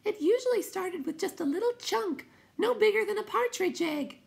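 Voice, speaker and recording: A man reading aloud, voicing a jittery little will-o'-the-wisp in a high, creaky voice. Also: heavily acted. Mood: anxious. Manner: high, rapid, excitable. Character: jittery will-o'-the-wisp, a tiny bouncing light spirit.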